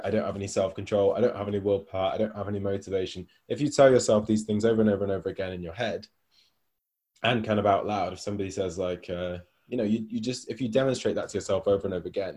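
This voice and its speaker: A coach chats on a podcast in a casual discussion, his lowish voice mellow and darker in tone. He talks fast and loosely with a steady tone, filling his speech with words like "like" and "you know".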